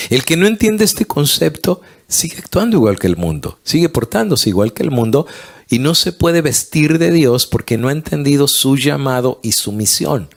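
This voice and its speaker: A male preacher delivering a sermon, telling a story and reading scripture slowly and emphatically. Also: medium pitch, gravelly.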